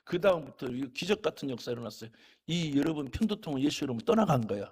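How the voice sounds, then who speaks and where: Middle-aged man, pastor, sermon, folksy storytelling, loud exhortation then soft asides, gravelly voice, slightly high pitch. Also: lively intonation, fast talker. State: a little unwell.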